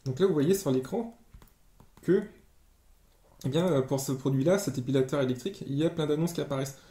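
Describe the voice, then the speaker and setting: A man giving a screen-share tutorial as an online sales trainer, explaining step by step and pausing often on fillers. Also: a little high, mellow. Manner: explanatory, hesitant with many fillers. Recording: roomy echo.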